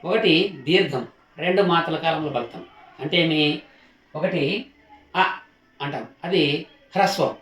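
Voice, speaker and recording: A male teacher with a fairly high, somewhat bright voice leads a slow alphabet lesson, patiently repeating each sound. While writing, he pauses to put questions to his learners. The recording has a roomy echo.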